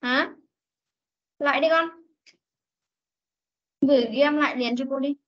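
A woman teaching an English class over a video call, reading sentences slowly for students to repeat and correcting them firmly. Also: high-pitched, fairly even intonation. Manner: reads English slowly for repetition, scolds firmly. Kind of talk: online class instruction. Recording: dull lo-fi meeting recording.

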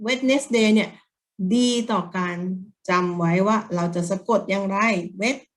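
Thai lady teacher, slow and gentle, drilling english words with little kids. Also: mid-range voice. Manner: slow, drawn-out English drilling with repeat-after-me; gentle, encouraging teacher talk to children. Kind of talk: children's English lesson.

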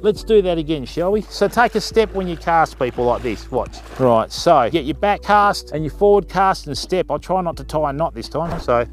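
Speaking with a fairly high, animated voice at a moderate pace and barely pausing, a middle-aged Australian offers casual fishing tips on a live stream from his kayak and the riverbank. He chats to himself and to viewers as people, picked up by an action camera mounted on the kayak.

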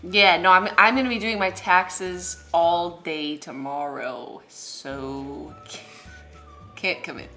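A woman's voice: lowish voice, takes it slowly, pushed and bright, faint music behind. A young woman speaking casually and hesitantly, rambling through comedic prank calls in a small room. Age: young adult. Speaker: prank caller, co-host.

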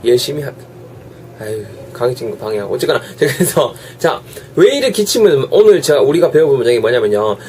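A young man with a Gyeongsang Korean accent teaching English in a casual online lesson, his throat sore and coughing, chatty and switching to slow drawn-out English examples. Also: medium pitch, big pitch swings, darkish tone, a little hiss or hum. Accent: Gyeongsang Korean dialect.

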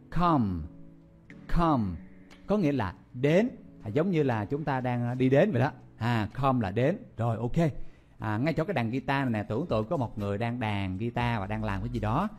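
Man, playful vocabulary teacher, mid-pitched voice, soft music behind. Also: brisk. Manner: lively, playful, exclaiming and repeating words. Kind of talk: memory-palace vocabulary lesson.

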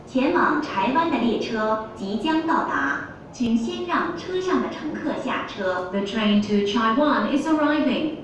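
A woman's pre-recorded train announcement, built from spliced-together words in a formal, even delivery. It plays over a loudspeaker, heard from a distance in a very echoey space, with a faint hum behind it. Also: a little high, unhurried, lo-fi sound. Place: train carriage. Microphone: public address speaker.

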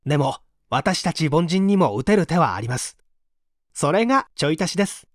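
In clearly phrased, measured sentences, an audiobook narrator reads scripted prose from a book. The pitch rises and falls in a lively way, and the recording is dry, with no room echo.

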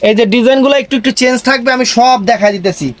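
Male online seller, high-pitched, emphatic repetitive live pitch. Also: rapid-fire, a little hiss or hum.

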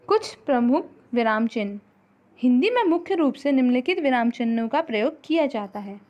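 A woman's voice: on the high side, highs cut off. A woman school teacher giving a grammar lesson, patiently repeating points and quizzing her students as she goes.

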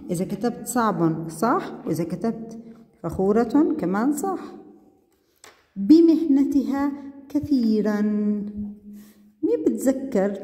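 A woman's voice: mid-range voice, dark tone, long reverb tail. A woman, teaching a grammar lesson to young pupils and patiently stretching out key words. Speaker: primary school Arabic teacher. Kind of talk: recorded online grammar lesson.

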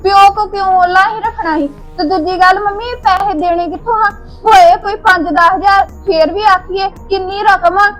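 An assertive young Punjabi daughter-in-law in a family drama, played by a woman. Her voice is very high, and she argues in a reproachful way, with faint music behind. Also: fairly even intonation, moderate pace, few pauses, fairly bright tone, low-quality recording. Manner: argumentative, reproachful. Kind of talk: amateur family drama acting.

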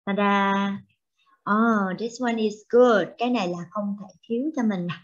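Slow, cheerful Vietnamese teacher woman. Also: mid-range voice, steady tone. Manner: slow, drawn-out, cheerful drilling of words; switches between English and Vietnamese. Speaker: English teacher for children. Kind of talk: bilingual children's vocabulary lesson. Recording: dull lo-fi recording.

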